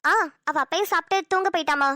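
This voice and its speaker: A woman's voice: very high-pitched, quick pace, sharp tone, no room sound, studio quality. A woman voicing a cheerful, teasing college-age daughter in a cartoon, talking in a chirpy voice. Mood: gentle. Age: young adult. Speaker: voice actor. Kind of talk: cartoon dialogue acting.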